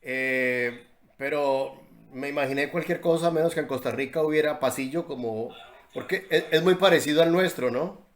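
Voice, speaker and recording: A Colombian man hosting an interview, asking curious questions and pausing often on fillers as he searches for words. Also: on the high side. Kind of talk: conversational interview.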